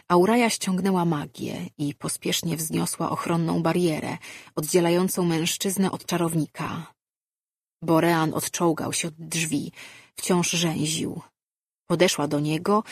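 A woman narrating a fantasy audiobook in an even, measured reading. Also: lowish voice, breathy edge, no room sound, studio quality.

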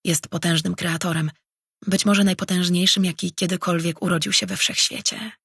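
An earnest, measured male mage, as an audiobook narrator reads him. The voice is heavily gravelly and husky, with a dry, close sound. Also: mid-range voice, fairly even intonation, a bit bright, no echo. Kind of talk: audiobook character reading.

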